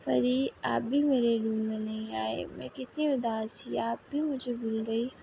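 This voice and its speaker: A woman's voice: fairly high pitch, steady tone, a little slow, gravelly, narrow, tinny audio, a little hiss or hum. A woman voicing a lonely, stubborn young woman who sulks and pleads tearfully, in a narrated story. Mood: tearful sulking.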